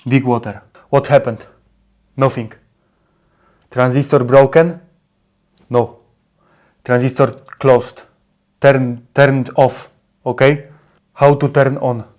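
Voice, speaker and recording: Slow-talking man explaining in blunt caveman phrases. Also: medium pitch, steady tone, darkish tone. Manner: caveman-like blunt broken English, dropped articles and verbs; short clipped phrases, often checking with "okay?". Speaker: presenter explaining electronics. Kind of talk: simplified explainer lesson.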